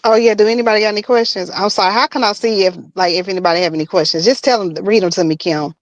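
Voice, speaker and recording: A woman talking casually and personally as a guest, halting and repeating herself as she searches for words. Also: mid-range voice, no room sound. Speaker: guest telling of being bullied online.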